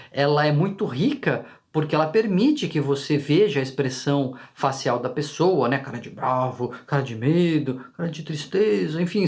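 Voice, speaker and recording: Higher-voiced Brazilian man explaining to camera. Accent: Brazilian Portuguese. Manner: conversational, frequent tag questions to the viewer; talks directly to the viewer. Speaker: channel host.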